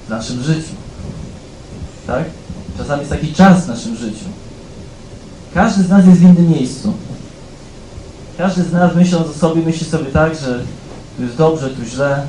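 Guy preaching a chatty sermon, dark mellow voice, roomy hall w/ faint hum behind. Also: a little high, a little slow, long pauses. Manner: conversational, keeps asking "tak?" of the congregation; rises louder when reading scripture aloud.

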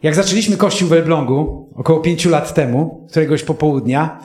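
A man's voice: fairly high pitch, brisk, a little mellow, roomy sound. A man in his fifties from Poland, preaching in an earnest, emotional storytelling manner and speaking directly to his listeners. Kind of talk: sermon with personal storytelling.

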